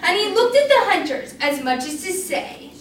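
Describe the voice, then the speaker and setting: A woman narrating a rhymed children's story at a speech competition, expressive and sing-song. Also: very high-pitched, moderate pace. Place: competition room. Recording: echoey room, mic far off, faint noise.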